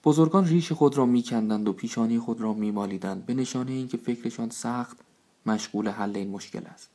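A man narrating a storybook in a steady, measured way. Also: mid-range voice. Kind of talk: scripted narration.

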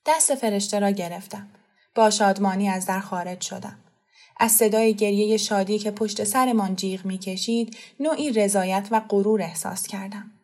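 A woman narrating a novel in a calm, measured storytelling voice. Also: medium pitch. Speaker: audiobook narrator. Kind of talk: scripted literary narration.

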